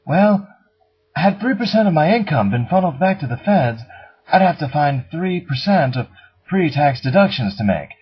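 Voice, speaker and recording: A snobbish rich playboy with a raised, lively, sing-song drawl, as a man plays him. The voice is husky, and the lo-fi recording sounds dull. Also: a little high, normal speed. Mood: haughty. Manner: haughty, drawling aristocratic airs. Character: pompous wealthy male playboy, tax-dodging snob. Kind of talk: comedy sketch interview.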